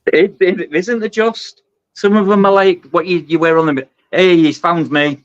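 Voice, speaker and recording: A man from the north of England with a Northern English accent, a guest in a casual live chat, excitable and prone to stammering restarts. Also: sits high, normal speed, dull audio.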